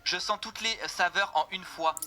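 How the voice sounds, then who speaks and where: A young woman game character, swept along by each strange potion, as a man reads her lines in his own voice. She describes every sensation dramatically in the first person, and the voice is fairly high and very bright and forceful. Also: moderate pace, a little hiss or hum. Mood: unsettled.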